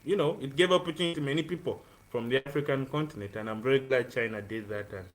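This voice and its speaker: Fast and medium-pitched, a Ugandan student in his twenties speaks as a guest on a live-streamed video call. In this casual interview he earnestly discusses his life, with lots of ums.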